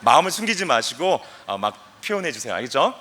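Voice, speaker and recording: A young man giving a playful, animated talk to a youth camp audience, acting out voices and leading the crowd in chants. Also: mid-range voice, a little fast, a little hiss or hum. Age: young adult. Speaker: guest speaker at a youth camp.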